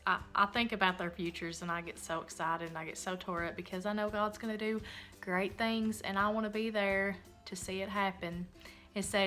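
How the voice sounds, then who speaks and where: A woman's voice: mid-range voice, pushed and bright. A young woman, a mom vlogger, talking in a casual, earnest and heartfelt way while answering questions. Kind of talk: casual Q&A vlog talk.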